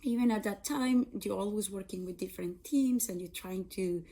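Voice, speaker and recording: A Colombian woman in her thirties, a software engineer and data scientist, gives an earnest personal talk about her career in a Colombian Spanish accent, using frequent fillers and restarts. Her mid-range voice is warm and moderately paced.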